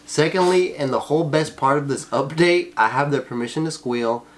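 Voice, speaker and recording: A man's voice: fairly high pitch, moderate pace. A man co-hosting a podcast, reading Reddit posts aloud and breaking off to joke and laugh. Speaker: podcast co-host.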